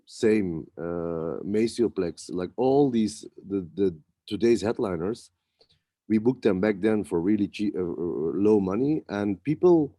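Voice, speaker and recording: A man with a very low, mellow voice talks through his career as a club promoter in an easygoing interview. He hesitates often and restarts his sentences. The sound is close and dry, with no room around it. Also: dry recording. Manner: hesitant, many fillers and restarts. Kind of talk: casual interview talk.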